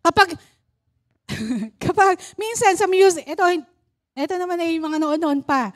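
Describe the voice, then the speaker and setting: A woman's voice: extremely high pitch, animated, measured pace. A middle-aged Filipino woman preaching a chatty Taglish sermon, often asking "Amen?" and laughing along with the church. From Philippines.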